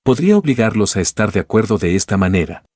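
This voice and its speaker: A man narrating a novel audiobook in an even, steady reading voice. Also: lowish voice, fast, no echo, clean studio sound.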